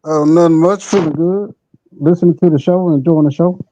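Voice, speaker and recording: A man's voice: on the high side, fairly even intonation, normal speed, mellow, muffled recording, slight background noise. A man in his forties from Texas, calling into a live talk show, playful and stammering as he chats. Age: 40s. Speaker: caller. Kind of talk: casual chat.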